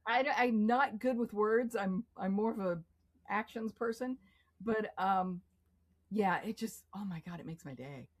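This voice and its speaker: Casting: middle-aged woman, chatty interview guest, animated storyteller who acts out quotes. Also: mid-range voice, measured pace. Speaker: guest artist. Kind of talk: casual interview conversation.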